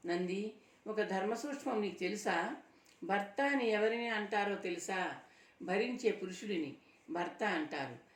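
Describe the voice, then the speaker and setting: A woman voicing a bold, steady young woman in disguise, speaking calmly and firmly in an audiobook. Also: medium pitch, lightly acted. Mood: insistent. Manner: calm, firm, insistent. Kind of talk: audiobook dialogue reading. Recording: roomy sound from a distant mic.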